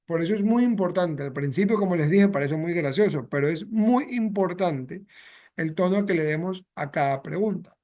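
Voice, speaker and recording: High-voiced bilingual English teacher. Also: male voice, expressive, moderate pace, a little mellow. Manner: mixes English and Spanish, repeats phrases with "¿ya?" and "¿ok?". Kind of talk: bilingual classroom explanation.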